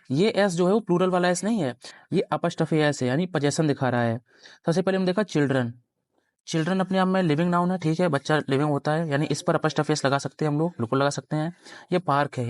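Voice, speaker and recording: A man's voice: on the high side, no room sound. Male teacher quizzing his class, dry sound. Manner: explains step by step, keeps quizzing the students. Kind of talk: classroom grammar lecture at a board.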